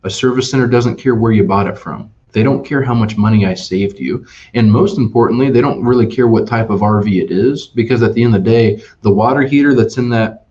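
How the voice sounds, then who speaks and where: A man, an RV salesman appearing as a guest on a webinar, tells customer stories and makes his sales pitch in an animated, emphatic way with many restarts. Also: fairly quick. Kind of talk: storytelling sales talk. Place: Ohio dealership office. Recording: dull lo-fi webinar audio.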